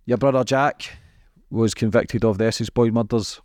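A man's voice: medium pitch, fairly even intonation, normal speed, a little mellow, dry recording, clean studio sound. A man hosting a casual interview, putting short, direct questions to a guest. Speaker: interview host.

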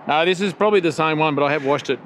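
A man's voice: on the high side, rapid-fire. An Australian man hosting a casual, joking interview, talking in a slangy, laid-back blokey way like an Aussie tradesman. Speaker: podcast host interviewing at a conference. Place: outside area of a conference venue. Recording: faint outdoor background noise at event.

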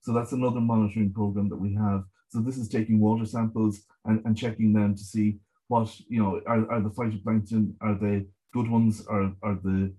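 A middle-aged man with a west of Ireland accent speaks in a relaxed, mellow tone. His pitch sits on the low side and moves little. He explains things in a measured, conversational way, repeating words and dropping in "you know" as he thinks. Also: poor audio. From Galway, west of Ireland. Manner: measured, hesitant repetition of words, frequent 'you know'. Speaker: marine scientist guest.

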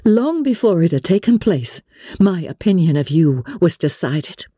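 Storybook heroine, acted by a woman: spirited young gentlewoman, indignant and accusing, lifted swooping pitch, clean dry sound. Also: sing-song, a little slow, husky, dry recording, full character voice. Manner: emphatic, formal, cutting.

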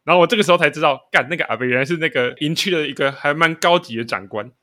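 A man's voice: fairly high pitch, racing, bright, forceful tone. A man with a Taiwanese Mandarin accent, co-hosting a casual chat show and telling stories with frequent laughter. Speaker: podcast co-host.

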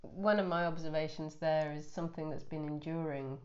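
A woman's voice: low-pitched, steady tone, normal speed, highs cut off. A woman hosting a casual podcast interview, speaking affectionately. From Scotland. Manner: warm, affectionate. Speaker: podcast host.

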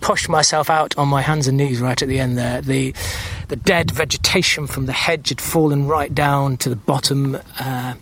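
A man's voice: mid-range voice, fairly even intonation, moderate pace, hardly any pauses, a bit bright, slight background noise. A man, a storyteller narrating outdoors as he walks, musing and hesitant, a little out of breath. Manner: musing, hesitant with many fillers. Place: outdoors on a countryside hill.

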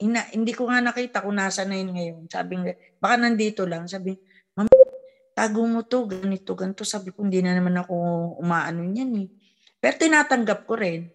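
A woman's voice: medium pitch, fairly quick. A middle-aged woman, a mother and folk healer, chatting casually with her family and acting out the people she quotes. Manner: animated storyteller who acts out quoted dialogue.

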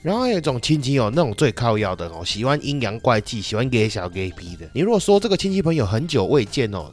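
A podcast host with a Taiwanese Mandarin accent rants quickly and swears freely, sounding like casual comedy talk. His pitch sits in the middle, but it swings all over the place as he gets worked up. The delivery is rapid and full of energy. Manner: profane, animated ranting.

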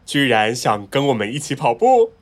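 A woman doing gruff, mocking big train engines. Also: very deep voice, sing-song, normal speed, pitched below the performer's own voice, exaggerated voice. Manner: dismissive, mocking.

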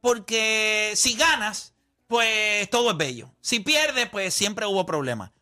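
A man's voice: high-pitched, expressive, slow, pushed and bright, faint music behind. A man hosting a sports talk show, blunt and argumentative in casual debate.

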